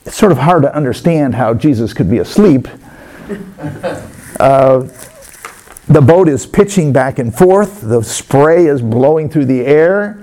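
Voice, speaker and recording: A man preaching a sermon as a pastor, telling stories in a conversational way with many pauses. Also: mid-range voice, expressive, dark tone.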